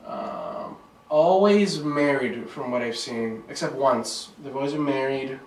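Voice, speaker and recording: A man from Maryland, a guest on a podcast, speaking in a relaxed, loose way with many fillers. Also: mid-range voice, measured pace, echoey room, recorded from a distance, a little hiss or hum, rough recording. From Maryland, USA. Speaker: podcast guest, remodeling business owner. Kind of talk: casual interview chat.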